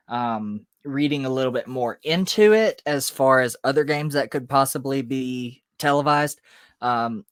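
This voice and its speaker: A man's voice: medium pitch, clear, resonant tone, dry recording, studio quality. A man co-hosting a casual sports podcast, explaining news step by step with frequent ums. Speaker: podcast co-host.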